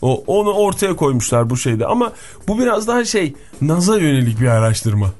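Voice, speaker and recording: A man's voice: a little high, very animated, fairly quick, darkish tone, soft background music. A man co-hosting a radio morning show, chatting playfully about news stories. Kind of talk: casual studio banter.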